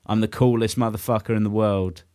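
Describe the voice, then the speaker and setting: A man in his mid twenties chatting casually on a podcast, rambling and animated, swearing freely. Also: fairly low pitch, fairly quick, clear, resonant tone, no room sound, clean studio sound. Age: 20s. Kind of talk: casual chat.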